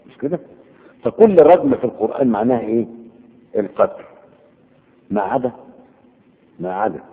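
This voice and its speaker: A man's voice: fairly low pitch, creaky. A man with an Egyptian Arabic accent teaches the meanings of Quranic words, quizzing his listeners with repeated questions. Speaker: religious teacher. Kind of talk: Quranic vocabulary lesson. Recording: tinny phone-like audio with long hall reverb.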